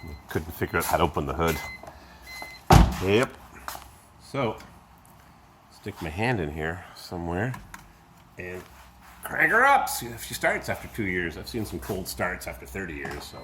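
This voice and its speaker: Here the car owner sounds low-pitched and animated, talking at normal speed with frequent pauses. He rambles casually through his vlog tour in short phrases and asides, an engine idling noisily in the warehouse behind him.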